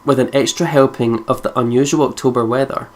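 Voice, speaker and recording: A Scottish woman with an extremely low, steady, slightly mellow voice hosts a let's play at a fairly quick clip. She chats casually, swears freely, laughs often and reads the game's text aloud. A little hiss or hum sits in the recording.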